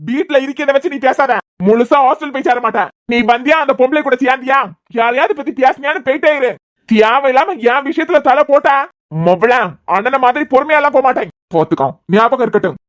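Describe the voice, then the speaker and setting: A woman's voice: sits high, fast, no room sound, lightly acted. A woman with a Kanyakumari Tamil accent voicing a hot-headed, threatening young male college student in a cartoon series. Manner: threatening, shouting insults. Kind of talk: cartoon web series voice acting.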